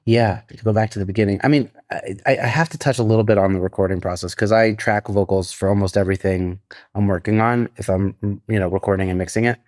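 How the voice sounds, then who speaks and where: Tired male co-host, low voice, laptop-mic sound, dry, relaxed and hesitant. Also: quick pace, dry recording. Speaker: podcast co-host. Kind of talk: casual chat. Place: neighbor's apartment. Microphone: laptop built-in microphone.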